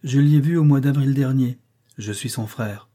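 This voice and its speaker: A man's voice: medium pitch, normal speed, mellow, natural voice. A man voicing a pale, frightened, hesitant man in an audiobook reading. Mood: timid.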